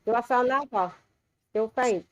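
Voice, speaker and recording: A woman speaks over a call, and her voice comes through faint and far away from a weak laptop mic. She talks in a casual, blunt way and swears freely. Her voice sits fairly high. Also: moderate pace. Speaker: co-host joining by call. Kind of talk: casual chat.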